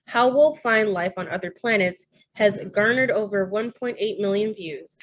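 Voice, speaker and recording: A woman host reads a speaker's introduction steadily at a middle pitch. Faint noise sits behind her voice. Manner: steady reading, turning bright and eager at the close. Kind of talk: read-out introduction.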